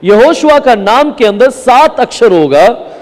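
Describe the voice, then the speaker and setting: A man's voice: very high voice, lively intonation, unhurried. A man teaching a Bible language class from a chart, asking the class questions and answering them himself, with English words mixed in. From India. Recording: hall with long reverb.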